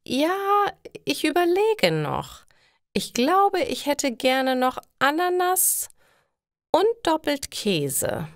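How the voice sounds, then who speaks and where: A woman voicing a demanding elderly female regular customer at a pizza place, speaking high and insistent. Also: wildly swooping pitch, very slow, no room sound, clean studio sound, full character voice. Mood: pondering.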